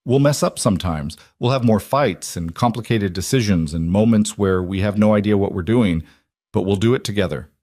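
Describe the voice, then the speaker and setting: A man's voice: lowish voice, moderate pace, darkish tone, no echo, studio quality, lightly acted. A man voicing a nervous but heartfelt man proposing, speaking tenderly in a storybook reading. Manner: earnest, tender.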